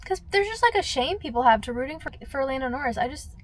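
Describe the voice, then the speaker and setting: A young woman with a high, bright-sitting voice talks straight to camera in a loose vlog ramble. She rants with plenty of fillers and curse words, dropping to low mutters then bursting out loud. A faint hum of ambience sits behind her. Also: fast, poor audio. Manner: animated and ranting, swings from low mutters to loud outbursts; heavy filler use, frequent swearing. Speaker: vlogger. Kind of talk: casual chat to camera.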